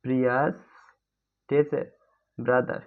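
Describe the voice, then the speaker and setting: A man teaches an online exam-prep grammar class in a chatty way, speaking at a medium pitch with a level tone and a measured pace. He keeps asking "ঠিক আছে?" to check that students follow, calls them "bhai" (brother), and mixes in English terms. The audio sounds tinny, like a phone.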